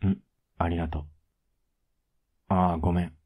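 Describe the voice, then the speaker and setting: A man playing a teasing, affectionate young boyfriend in a soft ASMR role-play, with a low, husky voice. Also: steady tone, normal speed, narrow, tinny audio. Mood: tired, casual. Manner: laid-back, gently teasing, intimate.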